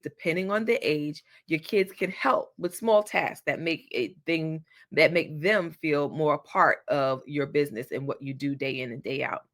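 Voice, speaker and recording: A woman's voice: low voice, normal speed, few pauses, fairly bright tone. Woman podcast host, solo advice talk, easygoing and encouraging, casual phrasing. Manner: chatty, encouraging, colloquial.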